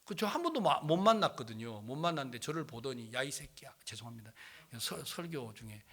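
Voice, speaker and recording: A male pastor preaching a sermon, telling a story with animated delivery and acting out the voices of his family. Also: mid-range voice, fairly quick, breathy edge.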